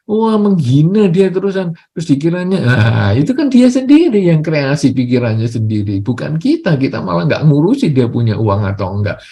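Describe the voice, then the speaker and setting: A man's voice: mid-range voice, vocal fry, warm tone. An older man with an Indonesian accent giving a Buddhist dharma talk, conversational and acting out quoted lines of dialogue. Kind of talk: sermon.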